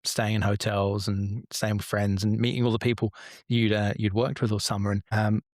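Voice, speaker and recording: A man's voice: fairly low pitch, flat delivery, normal speed, no room sound, studio quality. A man in his forties from England, telling a long personal story in a candid, rambling way as a podcast guest. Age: 40s. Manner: rambling, candid, swears casually. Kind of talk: casual storytelling.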